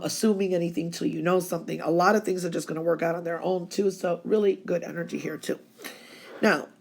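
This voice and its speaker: This woman's voice is low, creaky, and darkish in tone, roughened by laryngitis. As a psychic reader doing a tarot-style weekly reading, she keeps things chatty and reassuring and keeps saying okay.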